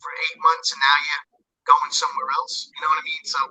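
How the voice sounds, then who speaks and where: A man's voice: on the high side, flat delivery, fast talker, sharp tone, husky. A man in his forties chatting casually as a stand-up comedy teacher, rambling and restarting, his voice tinny as if talking into a tin can. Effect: tinny tin-can sound. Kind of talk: casual chat. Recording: dull tinny call line from off-mic.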